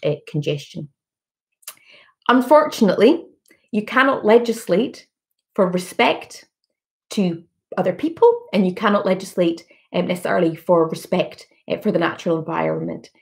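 Scottish woman politician on a home webcam, gravelly low voice, careful and halting with many fillers. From Scotland. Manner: measured, many fillers and restarts. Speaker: politician answering constituent questions. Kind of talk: virtual town hall Q&A. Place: living room at home. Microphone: laptop webcam on a video call.

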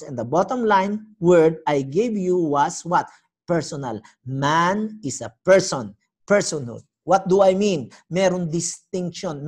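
A woman preaching a sermon. She is animated and teasing, and keeps quizzing the congregation. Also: on the low side. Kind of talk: sermon teaching.

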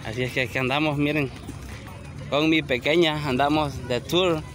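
A man vlogs casually as he walks through an outdoor flea market on a sunny gravel lot, talking straight to viewers on a handheld phone camera and asking for likes. His voice is a little high, fairly bright and steady at normal speed, with faint music behind.

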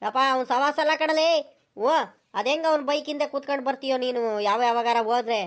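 Woman playing a fast-talking, complaining old village headman, cartoon. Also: high voice, natural voice. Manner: complaining, exasperated. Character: grumbling older male village headman. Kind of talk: cartoon voice acting.

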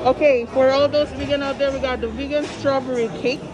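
This vlogger's voice sits high and her tone stays steady as she talks briskly, though the audio quality is poor. She tours a buffet in a large, busy indoor restaurant, giving chatty, enthusiastic commentary and often repeating herself. It's shot on a handheld phone, with diners talking and music playing in the background.

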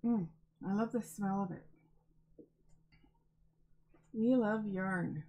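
A woman's voice: mid-range voice, takes it slowly, mellow, poor audio. A woman hosting a crafting vlog, unboxing donated yarn in a gushing, emotional, chatty way, close to tears. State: near tears. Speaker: crafting channel host.

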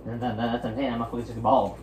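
A man's voice: mid-range voice, flat delivery, racing. A young man hosting a casual home video, teasing his friend and laughing often during a game. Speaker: vlogger. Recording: echoey room, distant mic, background noise.

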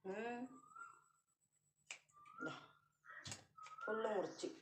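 A woman's voice: fairly high pitch, wildly swooping pitch, drawn-out words. A woman, vlogging casually at home and chatting fondly to her cat while she cleans fish. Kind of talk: casual home cooking vlog. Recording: echoey room with clear background noise.

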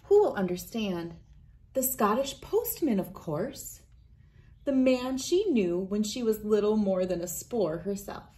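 A woman in her thirties reading a children's picture book aloud in a deliberate, expressive storytelling manner. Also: mid-range voice. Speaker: read-aloud host. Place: indoors, wood-panelled room with large windows.

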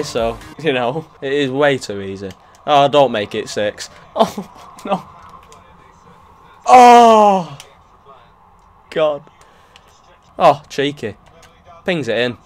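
Excitable young gamer commentating. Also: male voice, mid-range voice. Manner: excitable, swearing, jokey, with sudden shouts. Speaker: gaming youtuber. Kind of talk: football video game commentary.

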